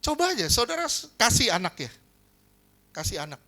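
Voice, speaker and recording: Male pastor, high bright voice, lively sermon style. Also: fairly quick. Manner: lively preaching, asks the congregation to agree. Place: church hall.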